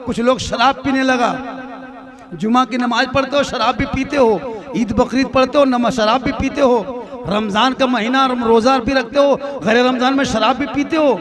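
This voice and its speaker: Male preacher, very high voice, impassioned and repetitive, builds to shouts, crowd audible behind. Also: fairly even intonation, moderate pace. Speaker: Islamic preacher. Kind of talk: Urdu-Hindi religious speech to a crowd.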